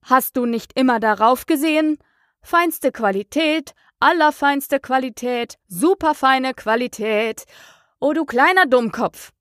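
A woman's voice: a little high, slow pace, few pauses, a bit bright, no echo, studio quality. Storybook hatter: rude, mocking, pleased with himself, read by a woman. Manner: brusque, mocking. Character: rude, triumphant eccentric male hatter.

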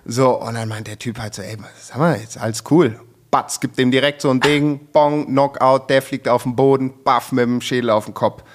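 Lively young man telling a street story. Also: mid-range voice, moderate pace, few pauses, slight background noise. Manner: animated storytelling, acts out quotes, filler-heavy slang. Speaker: podcast co-host. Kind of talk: casual chat, telling a story.

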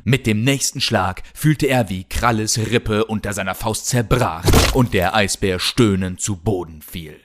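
A man's voice: lowish voice, measured pace, few pauses, noisy background. A man narrating a children's adventure audiobook in a dramatic storytelling manner.

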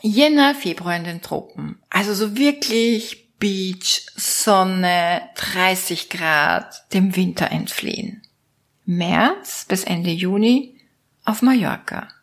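A woman's voice: mid-range voice, slow. A woman from Austria with an Austrian German accent, musing aloud to her viewers in a playful, casual monologue as a network marketing coach. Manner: playful, musing aloud, switching between options.

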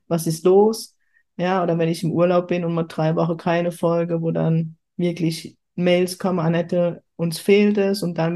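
A spiritual medium from Kurpfalz, southwest Germany, hosts a podcast in a warm, fairly low voice. Her chat is casual and spontaneous, and she gushes in an exclamatory way.

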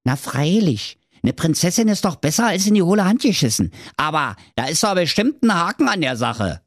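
A man's voice: on the high side, very animated, brisk, no echo, studio quality, voice pushed up. A man voicing a cheerful, fearless young man with a Berlin dialect who talks in a cheeky, carefree way.

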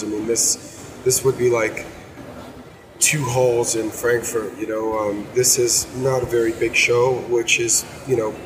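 An American man whose voice is hoarse and nearly lost, chatting casually as co-host of a car podcast. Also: mid-range voice. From United States. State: hoarse, losing his voice. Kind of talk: casual car show discussion. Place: indoors at an auto show stand. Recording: clearly noisy auto show floor.

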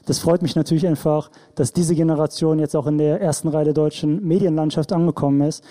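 A young man speaks earnestly on a panel as a film director, his words coming in quick runs padded with fillers. His voice sounds very dark and mellow, pitched a little high for a man. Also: fairly even intonation. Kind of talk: panel talk.

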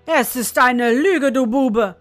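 A woman voicing a hot-tempered male duke who shouts threats at his cook, in a storybook reading. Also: on the high side, expressive, measured pace, dry recording, faint music behind. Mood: furious.

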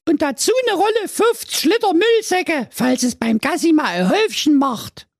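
A man doing a shrill bratty teenage girl. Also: animated, moderate pace, vocal fry, no echo, clean studio sound, full character voice. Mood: excited. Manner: squealing, whiny, crude. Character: bratty shrill 15-year-old fairy-tale girl. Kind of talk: comic fairy-tale parody.

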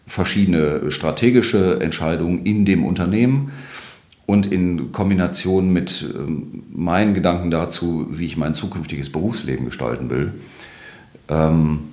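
Middle-aged male interview guest: extremely low bass, measured explanatory delivery, roomy echoing recording. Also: a little mellow. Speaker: interview guest, church administration manager. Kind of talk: unscripted interview answers.

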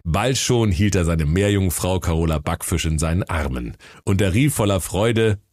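A man's voice: low-pitched, animated, normal speed, a little mellow. A man narrating a comic fairy tale for radio with a dry, mock-solemn manner. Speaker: storyteller.

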